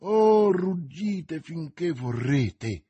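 A man's voice: fairly high pitch, expressive, darkish tone, slightly rough, no echo, exaggerated voice. A man doing a cold, sneering English baron. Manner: icy, sneering, deliberate.

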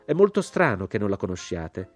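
A man's voice: on the low side, big pitch swings, a little fast, faint music behind. A man reading as a haughty, moralizing older American society woman, cold and indignant.

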